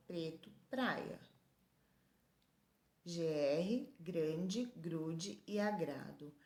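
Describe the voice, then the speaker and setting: A woman's voice: mid-range voice, darkish tone, roomy sound. A woman teacher reading a workbook lesson aloud to her pupils, spelling out letters and listing words one by one.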